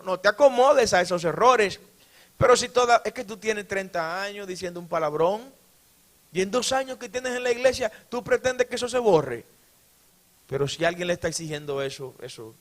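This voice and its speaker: A male pastor, preaching a sermon to a congregation in a church and rising to shouts of praise. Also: high voice. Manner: animated preaching, shouting praise, mimicking complainers.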